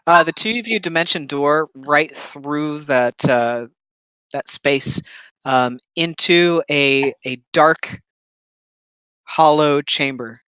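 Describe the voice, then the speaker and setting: A man narrating as game master of a tabletop game, halting now and then with fillers as he describes the scene. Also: fairly high pitch, clean tone, no room sound. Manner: relaxed, halting narration with many ums.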